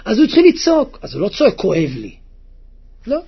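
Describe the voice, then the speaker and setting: Man, high-pitched, animated, gravelly, husky, dramatic sermon storytelling, dull lo-fi recording. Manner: dramatic, acts out quotes with rising pitch and cries. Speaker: preacher.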